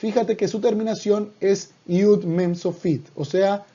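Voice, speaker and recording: Man, high voice, husky, patient grammar teacher, repeats examples, dull lo-fi sound. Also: steady tone, measured pace, dark tone. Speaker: Hebrew teacher. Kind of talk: explaining grammar to the viewer.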